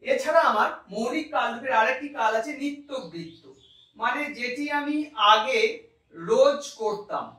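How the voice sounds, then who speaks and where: A male teacher giving a methodical grammar lesson, stretching out words slowly to show how they are pronounced. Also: extremely high pitch, bright, forceful tone. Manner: methodical, drawing out words slowly to model pronunciation. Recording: very echoey room, mic far off.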